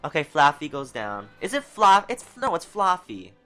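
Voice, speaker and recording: Excitable New York gamer, lively pitch. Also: moderate pace, faint music behind. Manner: excitable, exasperated running reactions. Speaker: let's player. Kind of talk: video game playthrough commentary.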